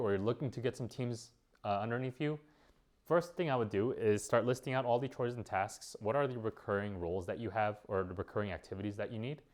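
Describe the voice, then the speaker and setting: A man giving casual vlog advice as a business owner, rambling with many fillers and restarts. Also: on the low side.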